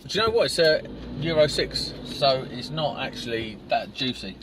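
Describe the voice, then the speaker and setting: A man's voice: mid-range voice, animated, normal speed. A man with a south London accent, chatting casually and teasing his passenger while driving, in a blokey, jokey way. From Croydon, south London. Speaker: host driving and interviewing a guest. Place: inside a moving pickup truck. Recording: clear road and car noise.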